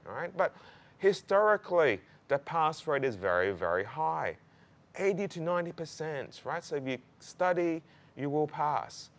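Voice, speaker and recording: A man giving an informational presentation to prospective students in a conversational, emphatic way, often adding short tags like right and okay. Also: mid-range voice. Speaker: law program presenter.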